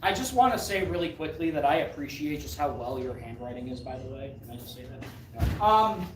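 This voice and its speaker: Her voice sits low, animated and a little fast, as this woman jokes playfully and at her own expense during a live mind reading act for an indoor audience. The sound is echoey, recorded from a distant mic with faint noise.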